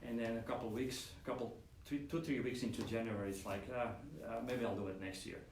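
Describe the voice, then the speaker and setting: A man's voice: mid-range voice, steady tone, fast, a little mellow. A man hosting a casual weekly live stream, talking in a loose, rambling way with lots of fillers and restarts. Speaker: host of a weekly model-kit live stream. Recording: roomy echo, speaker away from the mic, faint room hum.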